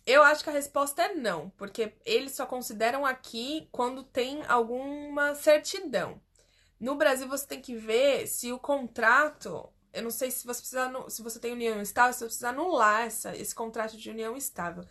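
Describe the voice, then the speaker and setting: Brazilian girl doing a phone livestream, chatty, walks thru a form step by step, kinda high voice. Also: a little fast, a bit bright. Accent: Brazilian Portuguese. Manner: chatty, explains step by step, switches to English for form questions. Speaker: host. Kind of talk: casual instructional livestream.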